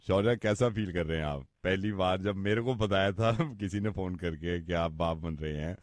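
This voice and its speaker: A male radio host running a prank call, talking in a calm, soothing, persuasive way. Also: low voice, normal speed, dry recording, clean studio sound.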